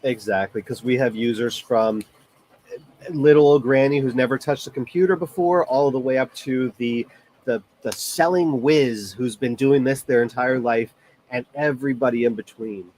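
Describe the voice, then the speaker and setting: A man's voice: mid-range voice, normal speed, a little mellow, slight background noise. Easygoing Canadian man hosting a webinar. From Toronto, Canada. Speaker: webinar co-host. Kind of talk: casual live webinar chat.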